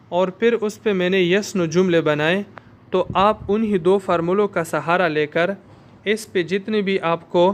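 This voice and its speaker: A man whose first language is Urdu, teaching a language lesson and drilling words slowly one at a time for the listener to repeat. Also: sits high. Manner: slow, careful word-by-word pronunciation drills. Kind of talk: slow spoken lesson with repeat-after-me drills.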